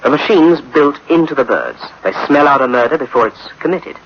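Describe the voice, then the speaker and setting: On a muffled old recording, a man with a slightly high voice and lively intonation plays a folksy police captain in a 1960s-style radio drama. Speaking a little fast, he explains things in a rambling, hesitant, repetitive, colloquial manner.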